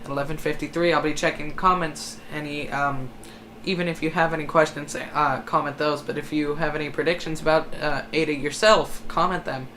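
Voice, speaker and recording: This host covers a hurricane live, stumbling over forecast commentary and often fixing their wording. Their mid-range voice is a bit bright and steady in tone, brisk with few pauses, and the recording has noticeable background noise.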